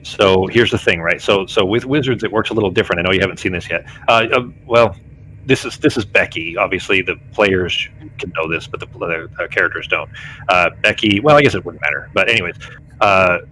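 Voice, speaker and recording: A man's voice: deep voice, a little fast, bright, forceful tone, slight background noise, poor audio. A man speaking as game master, casually explaining the rules of a tabletop game.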